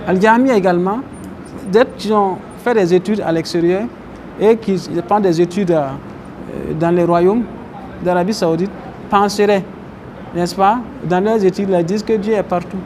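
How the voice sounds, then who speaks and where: Guy with a high voice teaching a mosque class, keeps asking the room questions, bit of street hum. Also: steady tone, normal speed, a little mellow. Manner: questions the audience, explains Arabic terms. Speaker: Islamic teacher. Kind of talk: religious lecture to a class. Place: mosque, faint outdoor traffic behind.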